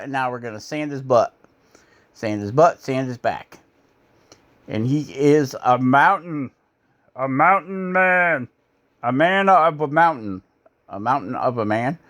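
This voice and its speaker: With a voice on the high side and a bit bright, a middle-aged man from Michigan narrates carving clips for his woodcarving channel. He wanders through it folksily, poking fun at himself and saying "uh" a lot.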